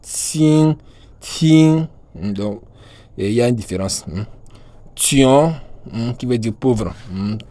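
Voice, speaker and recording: Male teacher, lowish voice, unhurried and patient, hums and hesitates while explaining sounds, dry close recording. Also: dry recording. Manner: calm, hesitant, with many fillers and hums. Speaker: language teacher. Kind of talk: slow pronunciation lesson.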